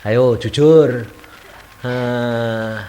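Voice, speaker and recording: A man's voice: mid-range voice, steady tone, drawn-out words, dark tone, lo-fi sound, a little hiss or hum. A middle-aged man preaching a sermon, questioning his congregation and acting out voices. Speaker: evangelist preacher.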